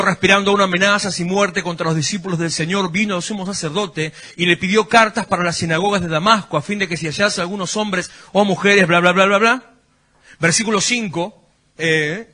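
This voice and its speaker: High, bright-voiced pastor preaching. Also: male voice. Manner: preaching with rhetorical questions to the congregation. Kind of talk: sermon. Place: church.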